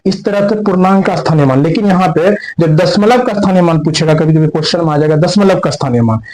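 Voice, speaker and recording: A man's voice: a little high, a little mellow, rough recording. A man teaching a maths class. He asks questions and answers them himself, and he repeats and rephrases each step. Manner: repeats and rephrases points, mixes in English terms. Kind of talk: classroom lesson explaining on a board.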